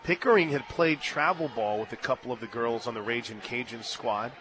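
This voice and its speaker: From a stadium radio booth, a man with a mid-range voice calls a live softball game play by play. His brisk radio delivery rises to excited shouts on the big plays.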